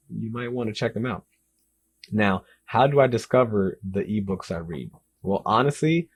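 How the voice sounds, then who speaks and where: A man's voice: lowish voice, breathy edge. A young man, an author, answering interview questions in a casual, enthusiastic way and repeating himself often. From Dominican Republic and the US Northeast and South. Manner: enthusiastic, repetitive, lots of "literally" and "like".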